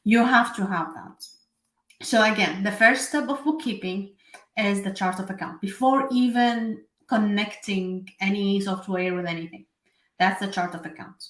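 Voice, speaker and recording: A woman's voice: medium pitch, moderate pace, a bit bright. Syrian-born lady, chatty bookkeeping host, lots of ums and restarts, echoey room. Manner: chatty, with many fillers and self-corrections. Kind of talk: casual live explainer.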